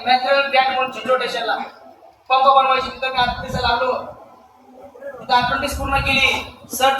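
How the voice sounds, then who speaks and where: A man giving a rousing motivational training talk to an audience, firing questions at the crowd and demanding louder answers. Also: very high voice, far from the mic, slight background noise. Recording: echoey hall, speaker off the mic.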